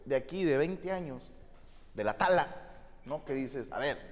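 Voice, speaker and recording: Teasing man reading shout-outs. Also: medium pitch, expressive, measured pace. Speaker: podcast co-host. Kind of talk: joking casual chat. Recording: reverberant room.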